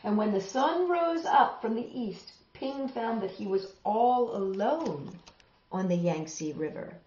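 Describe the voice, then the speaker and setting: Reading slowly, a middle-aged woman brings a children's picture book to life, her pitch rising and falling widely as she talks right to young listeners in a dramatic storytelling style. She's on a sofa in a small indoor room, and the home recording sounds spacious and slightly muffled.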